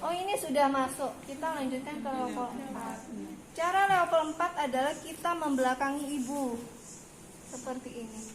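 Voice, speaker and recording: Woman teacher walking students through an exam, fairly high voice, noisy echoey room. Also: moderate pace. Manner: explains step by step, checking students understand. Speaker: midwifery instructor. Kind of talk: hands-on clinical demonstration. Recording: echoey room with background noise.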